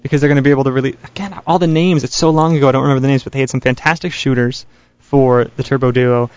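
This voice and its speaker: Smooth radio host guy taking callers, talks quick, dull lo-fi broadcast sound. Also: medium pitch, fairly even intonation, a little mellow, no room sound. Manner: chatty and fast, keeps the talk moving between callers. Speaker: call-in radio show host.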